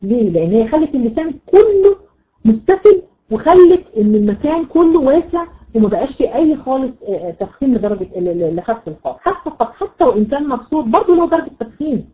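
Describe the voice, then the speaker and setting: A woman with an Egyptian accent teaching a Quran recitation lesson, explaining patiently, repeating words and checking understanding with quick questions. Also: sits high, very animated, mellow, dull audio. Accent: Egyptian Arabic. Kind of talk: classroom lesson.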